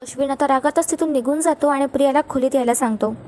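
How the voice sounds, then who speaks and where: A woman's voice: high-pitched, fast talker, a little mellow. A woman casually retelling the events of a TV serial scene by scene, dropping in English words now and then. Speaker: serial recap narrator. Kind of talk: casual story recap.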